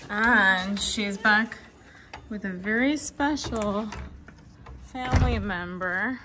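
A woman's voice: medium pitch, takes it slowly, noisy background. A middle-aged woman hosting a casual vlog, gushing over pets outdoors by a car, filmed on a handheld phone. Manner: gushing baby talk to pets. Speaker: vlog host.

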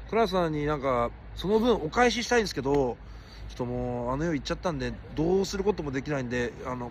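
A man chats loosely on a livestream, slightly high-pitched with a voice that swings widely up and down. He drifts between polite phrasing and blunt asides, and a faint hiss of noise sits under the recording. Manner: rambling, shifts between polite and blunt speech. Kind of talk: casual livestream talk.

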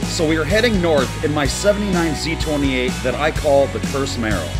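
A man's voice: on the high side, moderate pace, distant mic, loud music behind the voice. A man, talking to the camera from inside his moving car on a road-trip vlog and joking about the car breaking down. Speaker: car vlogger. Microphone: camera on the dashboard.

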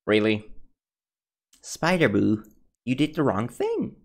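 A man's voice: medium pitch, wildly swooping pitch, takes it slowly, vocal fry. A man streaming a video game, joking to himself and greeting viewers as he plays. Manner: joking self-talk, chatting to viewers. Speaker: livestreamer. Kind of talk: casual gameplay commentary. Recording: voice over loud game music. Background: game music.

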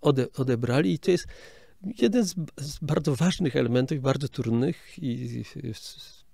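A man's voice: medium pitch, expressive, normal speed, vocal fry, dark tone, no room sound, clean studio sound. An older man, a film sound director, explaining his craft in an interview in a hesitant, explanatory way with frequent restarts. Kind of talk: casual interview talk.

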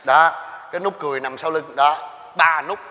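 A man's voice: fairly high pitch, fairly even intonation, moderate pace, sharp tone, long reverb tail. An actor playing an aging, broke father who used to be an opera lead, in a live stage comedy. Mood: playful.

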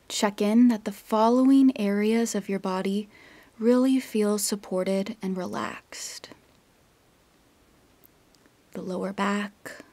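A woman's soft, husky near-whisper, edged with creak, guides listeners through yoga nidra. The recording has no echo, and she delivers instructions gently at a very steady pitch, pausing at length between them.

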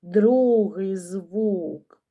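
Female teacher, middle-aged, warm and mellow voice, very slow, careful delivery for a children's phonics lesson. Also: mid-range voice, dull audio. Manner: slow, careful, sounding out each letter.

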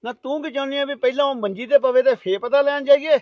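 A man's voice: very high-pitched, fast talker, no echo, lo-fi sound. An actor playing a stubborn, short-tempered middle-aged husband who scolds his wife. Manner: bossy, scolding.

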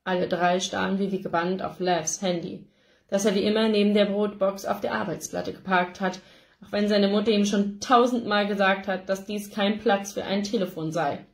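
A woman reading a first-person novel aloud in an emotive, expressive narration, recorded indoors. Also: mid-range voice, normal speed, vocal fry. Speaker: audiobook reader. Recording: roomy echo.

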